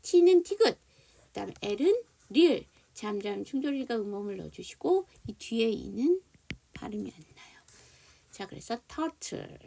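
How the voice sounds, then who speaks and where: A woman's voice: on the high side, sing-song, measured pace, gravelly, mellow. A woman teaching an online English phonics lesson, explaining spelling and sounds and leading students through repetition drills.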